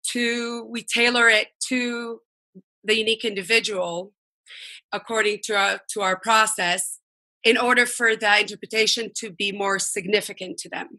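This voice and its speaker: A woman from Israel answers interview questions in a bright, fairly high voice. She explains her work carefully and sometimes restarts a sentence as she goes. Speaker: guest, app founder.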